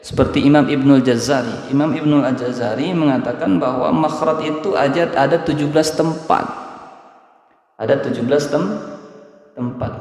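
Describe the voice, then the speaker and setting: A man teaching Quran recitation at a dawn study circle, explaining slowly and repeating letter sounds to demonstrate them. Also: high voice. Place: mosque hall. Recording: echoey mosque hall, long reverb.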